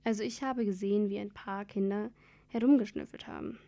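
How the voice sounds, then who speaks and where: Croaky old woman, as a woman reads her, flat and mellow, storybook market lady. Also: mid-range voice, a little fast, lightly acted. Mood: friendly. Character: old woman market-goer who sees everything.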